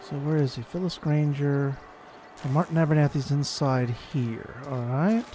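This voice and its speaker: A man's voice: a little high, moderate pace, background noise. A man hosting a casual game playthrough, reading dialogue options aloud and adding musing, explanatory asides. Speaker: gaming video host.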